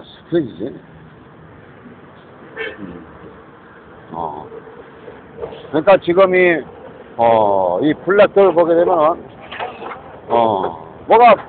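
A man's voice: fairly high pitch, big pitch swings, slow pace, long pauses. A man in his fifties talking in a rambling monologue, mixing English words into his speech and often adding tag questions. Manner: rambling, muttering asides. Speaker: street preacher livestreamer. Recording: tinny phone-like lo-fi audio with faint noise.

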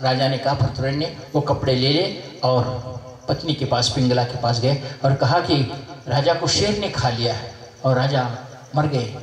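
A spiritual teacher tells a story in an animated discourse, slipping into the voices of his characters. His voice sits high for a man. It rings through a large echoey hall and is picked up from well away from the mic. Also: recorded from a distance.

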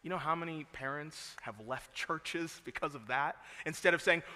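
A pastor preaching a sermon, moving from quiet earnest passages to loud, emphatic peaks. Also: male voice, fairly high pitch, normal speed. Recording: long hall reverb.

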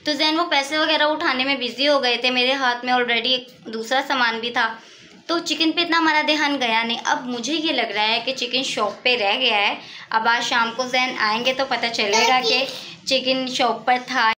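A woman's voice: high voice, steady tone, moderate pace, slight background noise. A young woman chatting casually in a home vlog, coaxing her toddler in a sing-song voice. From Pakistan. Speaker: family vlogger and mother. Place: home by a window. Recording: loud background music. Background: loud music.

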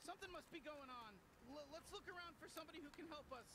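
A man voicing a nervous, chatty alien talking gun in a video game, stammering and excitable as an eager sidekick. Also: very high-pitched, racing. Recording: game audio with clear background noise.

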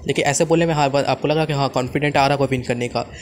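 Fast-talking young man with hurried delivery. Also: medium pitch, steady tone, slight background noise. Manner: rapid, confident, addresses viewers as friends. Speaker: fantasy cricket prediction host. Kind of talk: fast casual commentary to viewers.

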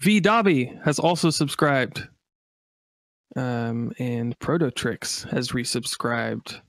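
A man's voice: medium pitch, takes it slowly, no echo. Playful male co-host, dry close sound. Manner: playful, upbeat, reads out subscriber shout-outs. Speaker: podcast co-host. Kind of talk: casual gaming podcast chat.

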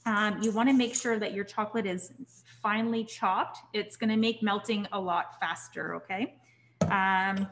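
A young woman teaching a cooking class in a kitchen, relaxed and chatty, checking in with "okay?" as she goes. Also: medium pitch, background noise. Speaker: cooking instructor. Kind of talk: live online cooking class.

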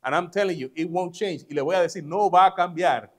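In a bilingual sermon during a church service, a man with a high voice speaks a little fast. He's a pastor and native Spanish speaker who says every line in English, then again in Spanish, emphatically stressing key words.

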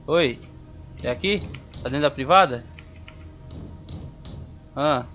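A man's voice: medium pitch, slow, fairly bright tone, soft background music. A man giving casual, jumpy let's-play commentary on a horror game, talking back to the game in slang. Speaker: gamer playing a horror game. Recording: slightly dull home recording with faint noise.

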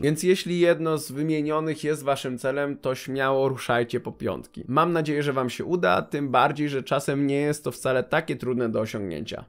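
A man in his twenties giving scripted, direct and wry advice to future university students in a vlog. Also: mid-range voice. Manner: direct, wry, addresses viewers as a group. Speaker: YouTuber giving study advice.

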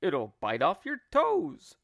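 A man's voice: mid-range voice, sing-song, slow pace, a bit bright, no echo, studio quality, heavily acted. A man doing a nasty, scornful old husband. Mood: mock innocent.

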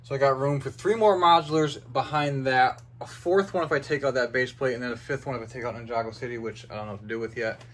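A man's voice: mid-range voice, fairly even intonation, fast talker, a bit bright. Upbeat young man chatting through a hobby vlog. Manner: chatty and upbeat, thinking aloud. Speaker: YouTuber showing his toy brick city. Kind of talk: casual walkthrough vlog. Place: indoor hobby room with a tabletop model city.

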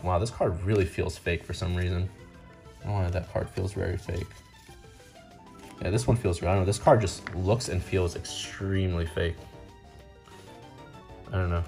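A man's voice: deep voice, darkish tone. A young man hosting his channel, casually rambling as he opens trading card packs, with fillers and restarts. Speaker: card-opening channel host. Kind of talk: casual unboxing commentary.

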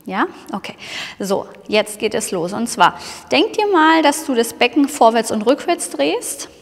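A woman's voice: fairly high pitch, sing-song, unhurried, creaky. A woman leads a dance-movement class, talking the listener through hip rotations with cheerful cues and counts. Her voice rings out in a large room with a long hall reverb trailing after each phrase. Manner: encouraging, counts and cues the moves, often says "wonderful". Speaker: dance instructor.

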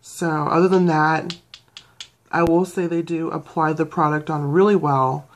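A woman's voice: low voice, steady tone, unhurried. A young woman giving a casual beauty product review, rambling with fillers and self-corrections. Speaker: beauty vlogger.

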